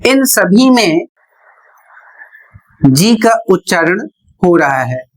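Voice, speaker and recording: Slow, deliberate woman teacher. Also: fairly low pitch, big pitch swings. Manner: deliberate, spells words out letter by letter. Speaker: English teacher. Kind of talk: classroom-style explanation.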